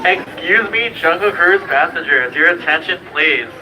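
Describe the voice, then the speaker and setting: A man making a joking, formal announcement to a ride queue over a public-address loudspeaker. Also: on the high side, animated, normal speed, rough recording. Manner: mock-serious, formal phrasing. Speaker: theme park ride announcer. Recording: loudspeaker heard amid a theme-park crowd. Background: crowd chatter.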